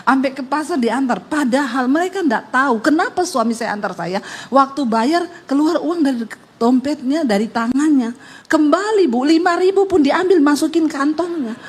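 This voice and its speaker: A woman preacher voicing a fed-up wife who confides about her stingy husband. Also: high-pitched. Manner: confiding, drawn-out. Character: fed-up middle-aged wife telling her story.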